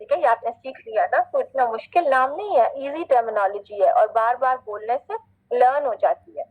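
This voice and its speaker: A woman teaching Quran pronunciation in an online class, patiently explaining and checking in often, then drawing out Arabic words slowly as she recites. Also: on the high side, narrow, tinny audio.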